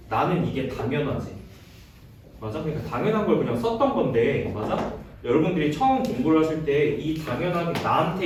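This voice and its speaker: A male math teacher with a fairly high voice lectures in a lively, rising-and-falling tone, pausing every few lines with short questions to check that students follow. He mixes casual and polite speech. The recording is roomy and distant, with heavy classroom echo and faint noise.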